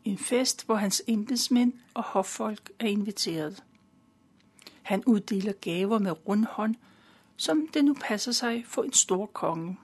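Speaking in simple, everyday words, a woman recounts a Bible story at an even, unhurried pace. Her voice is breathy, husky, and mid-range, and she slips in a little filler here and there.

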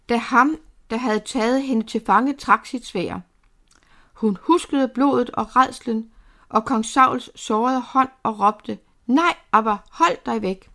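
A woman narrating a novel aloud in a steady, measured storytelling manner. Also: fairly high pitch. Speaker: audiobook narrator.

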